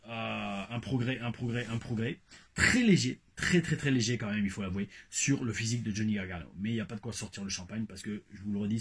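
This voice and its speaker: A former wrestler reviews wrestling in a casual vlog, talking in an animated, digressive way full of emphatic asides. His voice is medium in pitch with a breathy edge.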